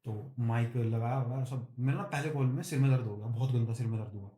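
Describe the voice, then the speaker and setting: A young man telling a story from his own life on a podcast. He talks in a lively, casual way, mimics the people he quotes, swears freely and often laughs as he speaks. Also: medium pitch, fast talker. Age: young adult. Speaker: podcast guest. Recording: echoey room.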